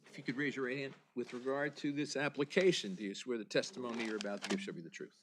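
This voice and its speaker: Male meeting official, medium pitch, procedural questioning, faint background noise. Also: fast talker. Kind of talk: procedural questioning with informal remarks. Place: public board meeting room. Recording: faintly noisy meeting room sound.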